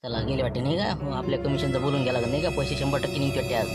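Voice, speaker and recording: A man with a Vidarbha Marathi accent talking in a low-key, scheming way in a comedy sketch dialogue. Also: racing, music in the background.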